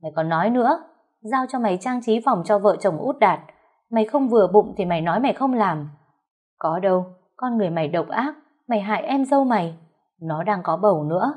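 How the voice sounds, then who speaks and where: A woman voicing a hot-tempered older mother-in-law who scolds loudly. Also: medium pitch, animated, brisk, breathy edge. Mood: furious. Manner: loud, scolding, harsh.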